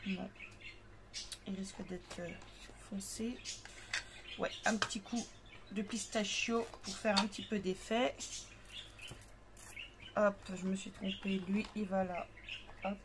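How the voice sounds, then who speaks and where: A woman's voice: mid-range voice, fairly even intonation, unhurried, long pauses. A woman casually demonstrating a craft at home, thinking aloud with lots of fillers. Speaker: craft tutorial host. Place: home craft table with parakeets and kids nearby. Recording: noticeable home background noise with bird chirps.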